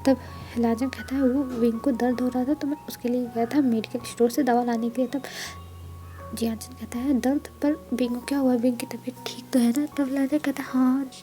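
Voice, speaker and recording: A young woman narrating a fanfiction story, reading every part herself and often dropping into a soft whisper. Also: high-pitched, steady tone, a little fast, soft background music.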